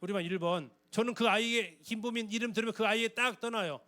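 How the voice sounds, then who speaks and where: High-voiced man teaching a Bible class. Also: quick pace, pushed and bright. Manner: keeps asking the audience questions; conversational and explanatory. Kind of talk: church Bible lecture.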